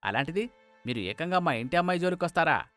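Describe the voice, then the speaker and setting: A man's voice: fairly high pitch, lively intonation, fast, no room sound, soft background music. A man doing a furious, bigoted village elder. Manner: shouting, threatening. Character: angry older village man, proud and bigoted.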